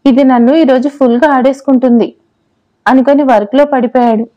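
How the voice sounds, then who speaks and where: A woman's voice: sits high, fairly even intonation, fairly quick, dark tone, muffled recording. A woman reading a love story aloud as narrator.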